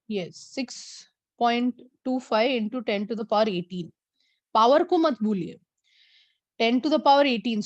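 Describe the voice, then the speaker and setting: A woman physics teacher, mixing Hindi and as she teaches an online class and slowly repeats numbers for her students. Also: fairly high pitch, no echo. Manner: mixes Hindi and English.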